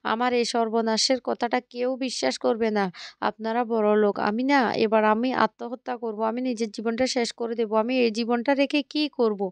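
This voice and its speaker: Brief: woman narrator voicing a weepy self-pitying young woman in a family saga, smooth and slightly high. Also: fairly even intonation, brisk, dry recording, close to an everyday voice. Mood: wailing. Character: disguised young woman, tearful and wailing.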